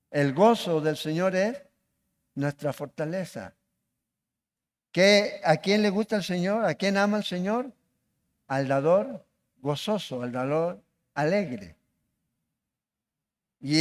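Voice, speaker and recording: A man preaching a sermon as pastor, asking the congregation questions as he goes. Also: fairly high pitch. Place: church hall. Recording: long reverb of a church hall.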